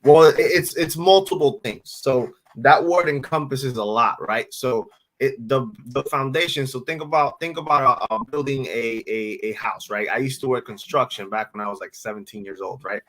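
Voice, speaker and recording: A man in his thirties from the Dominican Republic, speaking as a guest financial advisor in a casual interview, in a relaxed way, often repeating words and asking "right?". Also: medium pitch, normal speed, poor audio. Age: 30s. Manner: relaxed, repeats words while thinking, asks rhetorical "right?".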